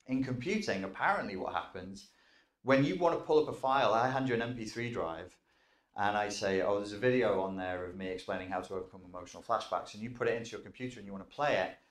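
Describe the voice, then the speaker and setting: A man explains self-help ideas in a relaxed, informal lecture, chatty and self-aware, and he slips in the odd swear word. His voice sits at an ordinary middle pitch. The room gives it a noticeable echo. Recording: roomy echoing sound.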